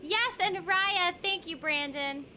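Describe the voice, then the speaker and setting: Playing a game on a casual livestream, a woman, a host and voice actor, chats playfully with her viewers while video game music runs behind her. Her very high voice moves slowly and sounds pushed and bright, with a little hiss or hum in the recording.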